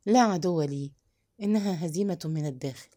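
A woman voicing a proud, bold yet tender young woman, speaking softly and intimately in a storybook reading. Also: fairly low pitch, a little fast, natural voice.

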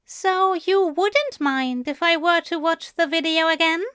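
A woman voicing a fussy, gentle male angel who speaks in a prim, courteous, old-fashioned way. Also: very high voice, expressive, measured pace, no room sound, studio quality, voice pushed up, exaggerated voice. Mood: polite. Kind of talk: fan audiobook reading.

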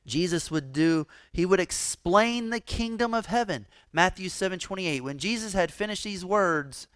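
A male pastor preaching a sermon, telling stories with animated, acted-out quotes. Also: sits high, normal speed, dry recording, studio quality. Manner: animated storytelling, acts out quoted voices.

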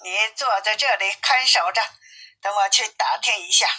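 A woman's voice: medium pitch, normal speed, pushed and bright, poor audio. A woman voicing a clever, bold male monkey king who speaks urgently and decisively, in a storybook reading.

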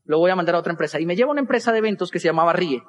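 A man's voice: high voice, in a large hall. A young man with a Colombian Spanish accent, telling a stand-up story and acting out the other voices. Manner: animated, acts out dialogue with quick voice switches. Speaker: stand-up comedian.

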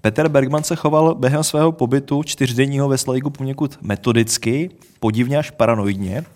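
Wry deadpan man telling a mystery. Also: mid-range voice. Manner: wry, explanatory, deadpan asides. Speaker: podcast co-host. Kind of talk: casual chat, storytelling.

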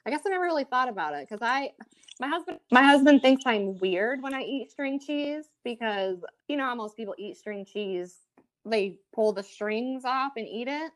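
A woman chatting casually as a podcast co-host, relaxed and giggly, with frequent hesitant fillers. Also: fairly high pitch, normal speed. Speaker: podcast co-host, vet tech. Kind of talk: casual chat.

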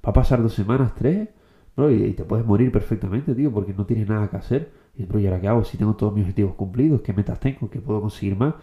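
A young man from the Canary Islands giving a casual motivational monologue, slangy and quick, forever dropping "tío" and "bro". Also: on the low side, phone-quality sound. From Canary Islands, Spain. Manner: slangy, fast, keeps saying "tío" and "bro". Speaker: motivational content creator.

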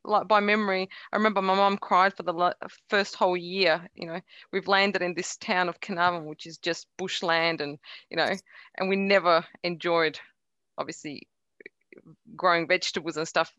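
In a dry, lo-fi recording, a middle-aged Croatian woman with a faint Croatian accent talks easily as an interview guest. She laughs often and restarts sentences. Her voice is on the low side, steady, and a bit bright, at a moderate pace.

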